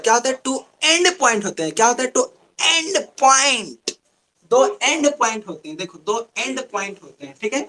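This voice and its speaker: A young male teacher with a Bihari Hindi accent, teaching a live online class. He asks a question and answers it himself, and he repeats key terms slowly. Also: extremely high pitch. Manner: call-and-response questioning, drawn-out repetition.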